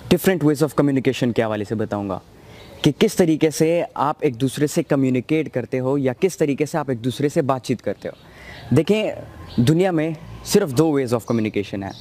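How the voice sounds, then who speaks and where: A man's voice: medium pitch, expressive, moderate pace, darkish tone. A man giving an earnest talk on communication skills, explaining each point step by step.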